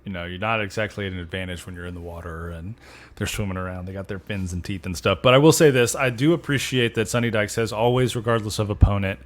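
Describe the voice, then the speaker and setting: A man co-hosting a sports podcast, talking in a measured, conversational way with a dry sense of humor. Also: lowish voice. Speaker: podcast co-host. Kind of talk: casual sports podcast chat.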